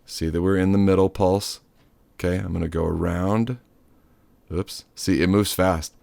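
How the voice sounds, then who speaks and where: A man's voice: deep voice, fairly even intonation, moderate pace, vocal fry, a little mellow, no echo. A man giving a loose, chatty hands-on synth tutorial, cracking offhand jokes and the odd swear word. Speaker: synth module demonstrator.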